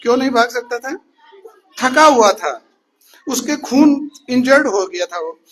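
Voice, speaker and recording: High, husky man telling a children's story. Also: animated, a little slow, a bit bright. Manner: asks questions to the listeners.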